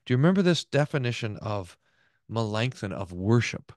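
Teaching a Bible class, a man reads passages aloud and explains them in a mid-range voice at a moderate pace. He's lively, thinking aloud as he repeats words and restarts. There's no room sound on the recording.

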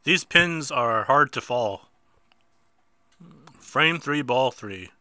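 A gameplay video host with a stuffy nose chats casually while playing a mobile bowling game, poking fun at himself and bursting out whenever he misses. His medium-pitched voice is animated, bright and forceful, he speaks very slowly, and there's no echo.

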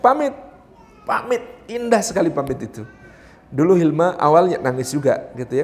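A man preaching at a parenting seminar in a hotel hall, talking animatedly to an audience of mothers and acting out little scenes between mothers and children. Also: fairly high pitch. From Indonesia. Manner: animated, acts out mother and child voices, addresses mothers directly. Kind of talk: lively seminar talk.

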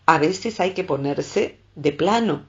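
A woman's voice: low-pitched, takes it slowly, lo-fi sound. A woman psychologist with a Rioplatense Spanish accent gives reflective advice, acting out the voices she quotes. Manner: expressive, acts out quoted voices. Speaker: psychologist and columnist.

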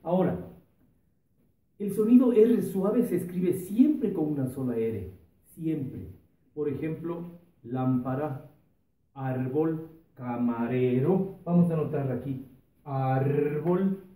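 A man, a primary school teacher giving a remote lesson to children, drawing out each sound slowly. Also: on the high side, dark tone, distant mic. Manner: slow, drawn-out pronunciation of sounds for children. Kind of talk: remote classroom lesson with a sung opener. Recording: echoey room, voice off-mic, light music.

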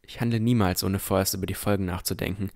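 A man voices a cautious boy adventurer narrating in the present tense for a scripted fantasy audio drama, full of careful wonder. His fairly low, darkish voice stays steady and quick, with a watchful mood.

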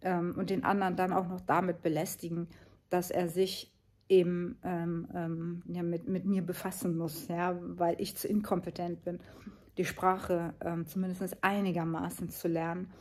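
A woman's voice: on the low side, little pitch movement, moderate pace, a little mellow. A woman in her fifties talking casually and earnestly in a travel vlog, with many fillers and restarts. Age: 50s. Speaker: vlogger.

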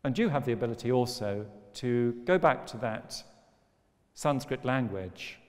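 A man's voice: medium pitch, lively intonation, a little slow. A man lecturing on philosophy in a wry, storytelling manner. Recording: long hall reverb.

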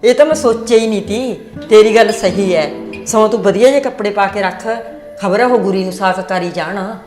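A woman's voice: medium pitch, a little fast, reverberant, over music. A woman with a Punjabi accent playing a scolding, bossy mother in a family skit.

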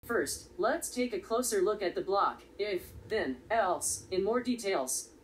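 A woman presenting a step-by-step coding tutorial in a steady, explanatory way. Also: mid-range voice, unhurried. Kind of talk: step-by-step software tutorial narration. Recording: slightly distant voice with faint background noise.

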